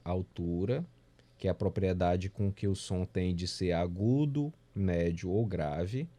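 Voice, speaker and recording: A man's voice: on the low side, dark tone. A man teaching a remote music theory class, explaining patiently and counting beats aloud, with frequent tag questions. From Brazil. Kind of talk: remote lecture. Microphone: remote class recording.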